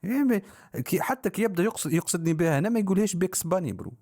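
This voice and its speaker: A man giving live-stream reaction commentary on a rap song, talking in excitable, repetitive bursts with mock-exasperated exclamations. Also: sits high, very fast.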